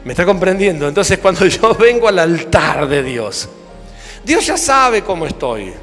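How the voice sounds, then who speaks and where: A man's voice: sits high, very animated, measured pace, a bit bright. A man preaching a sermon in Argentine Spanish, fervent, firing rhetorical questions at the congregation. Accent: Rioplatense Spanish. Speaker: apostle preaching. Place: church hall. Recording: long reverb, music behind.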